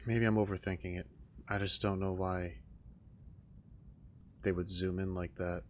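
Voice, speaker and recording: A man's voice: sits low, flat delivery, unhurried, slight background noise. A man hosting a gaming channel, giving casual, wry commentary while he plays. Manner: laid-back, wry.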